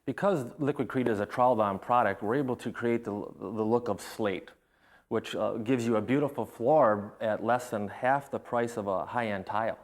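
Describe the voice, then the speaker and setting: A man explaining a product in an interview as a trade representative, plain-spoken and somewhat halting. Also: mid-range voice. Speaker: interviewed flooring company representative.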